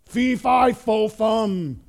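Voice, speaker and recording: A man's voice: a little high, a little fast, warm tone, natural voice. A man voicing a menacing fairy-tale giant in a sermon.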